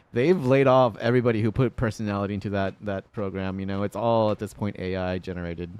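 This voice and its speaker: A man's voice: on the low side, steady tone, a little fast, darkish tone, clear, resonant tone. Man chatting casually on a game stream. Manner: rambling, jokey, swears casually. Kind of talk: casual gaming stream chat.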